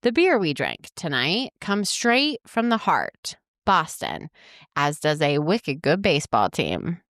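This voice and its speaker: A woman podcast co-host reading a dramatic true-crime introduction, building suspense with pauses. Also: low voice, very animated, fairly bright tone, no room sound, clean studio sound. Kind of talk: scripted true-crime narration with banter.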